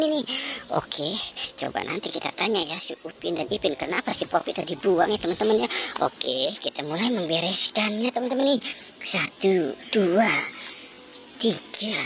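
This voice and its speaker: A woman's voice: medium pitch, background noise. A woman narrating a children's toy adventure video at home, exclaiming "wow" constantly and calling out to her young viewers. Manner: constant "wow", addresses "teman-teman". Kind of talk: excited narration for kids. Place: at home, corner of a house.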